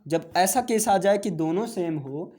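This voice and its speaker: A man's voice: high voice, animated, a little mellow. A man teaching an English grammar lesson. He explains step by step, mixing English terms into his talk, asking questions and answering them himself. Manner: mixes English terms into Hindi, reads English lines out slowly. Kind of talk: classroom-style grammar lesson.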